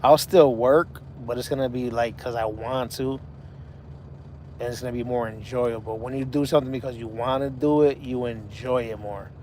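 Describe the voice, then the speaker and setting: Laid-back forty-year-old man, flat voice. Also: medium pitch, moderate pace, a little hiss or hum. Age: 40s. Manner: laid-back, talks to chat viewers by name. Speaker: livestream host. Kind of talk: casual live chat.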